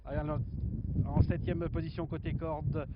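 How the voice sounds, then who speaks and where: A man giving live horse racing commentary, haltingly listing the runners in order. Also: a little high, little pitch movement. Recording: muffled, noisy racecourse commentary feed.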